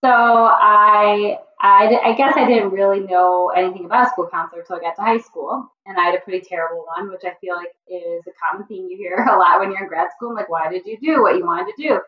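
A woman's voice: mid-range voice, steady tone, brisk, few pauses, echoey room, far from the mic, lo-fi sound. A woman who works as a school counselor, from the Chicago area, telling her story candidly in an interview with many ums and restarts. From Chicago area, USA. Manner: candid, frequent ums and self-corrections.

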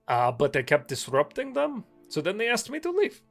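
A woman improvises casual in-character chat as a player in a tabletop game. She is effusive and jokey, and her pitch moves around a lot. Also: wildly swooping pitch, normal speed, vocal fry, soft background music.

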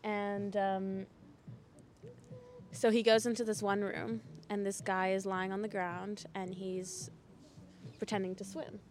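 A woman guest on a casual podcast who is giggly and animated, recorded outdoors in a park gazebo. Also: mid-range voice, slow pace, pauses often. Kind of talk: casual chat, telling a joke. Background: birdsong and faint Christmas music.

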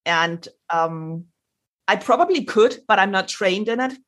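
A Danish woman, native in Danish and carrying a Danish accent, appears as a spiritual guest in a podcast interview, speaking animatedly amid sound effects. Her mid-range voice is expressive, a bit bright and a little slow. She restarts often and uses plenty of fillers.

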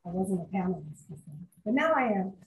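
A woman joining a panel remotely, her voice carried over a video call with a faint hiss underneath. She keeps her words brief and offhand, in a middle pitch. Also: lively intonation, fairly quick, rough recording. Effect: heard over a video call. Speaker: online panelist. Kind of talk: casual remark at a live event.

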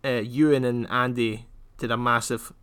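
A young man from Scotland in casual podcast chat, telling jokes in a flat deadpan way and wandering off on tangents. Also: medium pitch, moderate pace, clean tone. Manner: deadpan, rambling joke-telling. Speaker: podcast co-host.

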